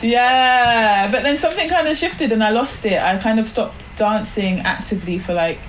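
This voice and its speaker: A woman's voice: on the high side, normal speed, slight background noise, poor audio. Chatty woman podcast guest from Barbados. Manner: chatty, many "like" fillers, rambling. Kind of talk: casual spiritual chat.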